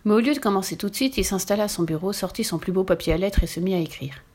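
Woman narrator, gentle expressive storybook read, mid pitch. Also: quick pace.

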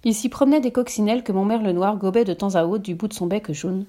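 A woman reading a children's storybook aloud in a gentle, lively narration. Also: medium pitch, fast talker.

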